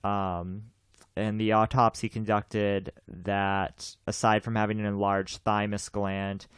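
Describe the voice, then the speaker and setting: A man's voice: lowish voice, little pitch movement, slow pace, smooth, dry recording, studio quality. A man in his twenties hosting a podcast in casual chat, rambling, repeating himself and laughing often. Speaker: podcast host.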